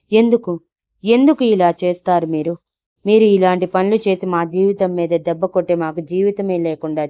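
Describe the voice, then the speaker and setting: Narrator playing a young woman, tearful, accusing, low voice, smooth, clear. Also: warm tone, lightly acted.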